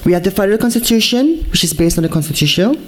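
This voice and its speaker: A woman's voice: medium pitch, very animated, racing. A middle-aged woman from Malaysia giving a conference talk at a podium microphone in a large hall, earnest and pleading, repeating phrases for emphasis. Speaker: conference speaker.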